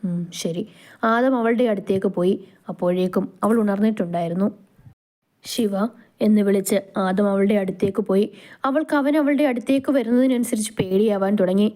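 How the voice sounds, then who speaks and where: A woman narrating a romance story aloud in an even, unhurried reading style. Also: medium pitch.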